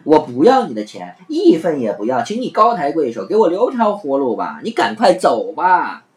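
A woman's voice: sits low, expressive, unhurried, a bit bright, voice pushed up, heavily acted. A woman voicing a flustered, cheating male innkeeper who begs and panics. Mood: desperate. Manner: pleading, flustered.

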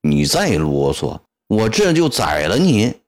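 A fierce young rebel warrior, as a male storyteller puts him on, snapping out harsh commands and threats in a deep, low voice. The pitch swings widely between words. Delivered as a spoken storybook. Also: huge pitch swings, takes it slowly, exaggerated voice. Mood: menacing.

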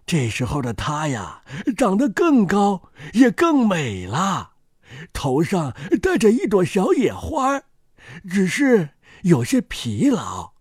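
A storyteller reading a fairy tale aloud to children in a gentle, expressive way. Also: medium pitch, takes it slowly, breathy edge, no room sound, clean studio sound.

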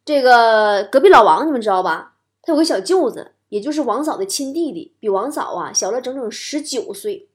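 A woman talk show host, doing an animated stand-up comedy monologue with playful punchlines. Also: a little high, a little fast.

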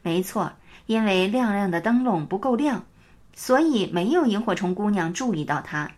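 A woman voicing a kind, gently smiling woman teacher who asks patient questions. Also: mid-range voice, animated, moderate pace, lightly acted. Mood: gentle.

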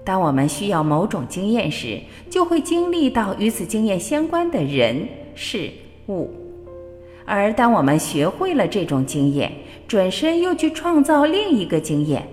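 A woman radio host giving a measured, expressive spiritual reading with storytelling. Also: medium pitch. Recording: long reverb with faint background music. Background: faint music.

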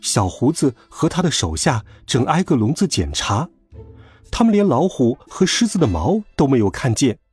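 Male storybook narrator, husky, highly animated delivery. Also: normal speed, soft background music. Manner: lively, expressive reading.

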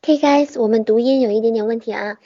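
A woman teaching English pronunciation in an online lesson, patiently modelling sounds slowly and repeating them. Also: a little high, mellow, no room sound, highs cut off.

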